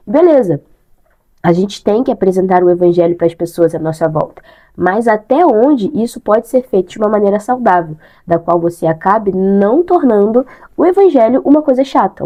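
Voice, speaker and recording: A young woman with a Brazilian accent talks casually to her viewers, as in a personal vlog. Her voice is mellow and relaxed, thickened by a blocked nose and a sick throat. She leans on repeated words to stress her points in a conversational way. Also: mid-range voice. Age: young adult. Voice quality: congested, stuffy nose. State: congested with sinusitis and a bad throat. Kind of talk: casual chat to camera.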